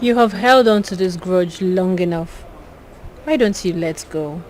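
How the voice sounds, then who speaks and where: A woman's voice: lowish voice, a little slow, a little mellow, soft background music, lightly acted. A woman playing a coaxing Nigerian friend. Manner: probing, coaxing.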